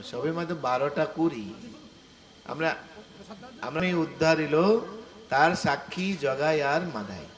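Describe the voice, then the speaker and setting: A male preacher giving an animated devotional sermon, asking the gathering rhetorical questions. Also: on the high side, slow, long pauses. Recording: echoey room with faint ambience.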